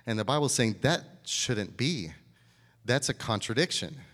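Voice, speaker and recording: A man's voice: medium pitch, expressive, measured pace, fairly bright tone. A man preaching a sermon, explaining scripture in plain, everyday terms and asking his listeners questions. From American South. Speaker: pastor. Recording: reverberant hall.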